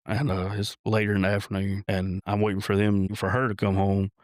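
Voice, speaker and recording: A lowish male voice, recounting his story as a podcast guest. He talks haltingly, stopping and restarting often. The sound is dry and close, with no room echo. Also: completely flat delivery, a little mellow. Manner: halting, with many restarts and fillers. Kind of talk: personal storytelling in an interview.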